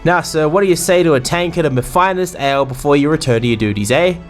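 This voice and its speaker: A man's voice: on the high side, fast, soft background music, pitched above the performer's own voice, natural voice. A man voicing a boisterous, bawdy male sailor innkeeper in a put-on English pirate accent, full of salty slang. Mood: jovial. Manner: salty slang, rambling banter.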